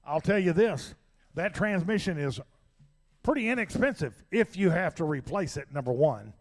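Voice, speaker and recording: A man working as an auctioneer, mixing a rhythmic, repetitive bidding chant with chatty asides. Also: on the high side. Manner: repetitive rhythmic number calling. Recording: echoey hall with long reverb.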